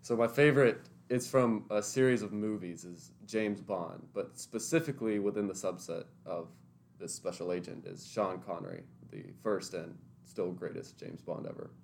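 A man's voice: lowish voice, expressive, normal speed, gravelly, a little hiss or hum. A young man in his twenties from Tennessee, answering interview questions in an earnest, thoughtful way with a few restarts. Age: 20s. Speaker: interview guest, teaching intern.

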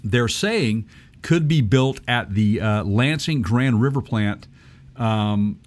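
A man's voice: lowish voice, slow pace. A man co-hosting a casual chat show, easygoing and agreeable, often restarting his sentences. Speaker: podcast co-host.

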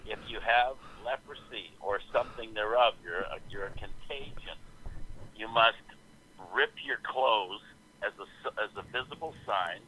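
A middle-aged father phones in to a podcast on speakerphone, chatting casually and playfully while quoting scripture with mock solemnity. His voice is fairly low, pushed and bright, at a normal speed. The low-quality recording carries slight background noise.

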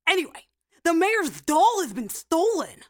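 A woman voicing a seven-year-old boy police captain who is bossy, goofy and excitable. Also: extremely high pitch, unhurried, over music, heavily acted.

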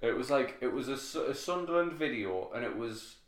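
A man's voice: medium pitch, expressive, a little fast. North-east English man in an echoey room. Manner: sweary, jokey storytelling. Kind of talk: casual chat.

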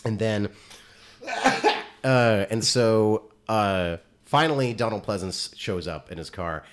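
A man's voice: lowish voice, takes it slowly, clean tone. A man co-hosting a casual podcast, recapping a film scene by scene with swearing and acted-out lines. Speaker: podcast co-host. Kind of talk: casual movie chat.

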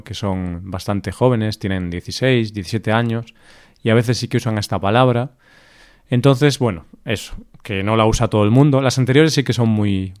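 A man from co-hosting a casual chat podcast, musing aloud about how Spaniards say English words, with easy fillers. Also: lowish voice. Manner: relaxed, thinks aloud with fillers. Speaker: podcast co-host.

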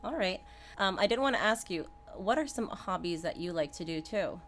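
A woman's voice: mid-range voice, animated, normal speed, a little hiss or hum. A woman hosting an interview podcast, asking curious questions and affirming often. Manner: affirming, curious, frequent "mm-hmm". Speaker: podcast host. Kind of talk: casual interview.

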